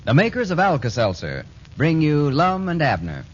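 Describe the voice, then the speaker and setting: Over music, a man with a fairly high voice and huge swings in pitch reads a folksy, persuasive sponsor announcement at a moderate pace. It sounds like a muffled 1940s AM radio broadcast.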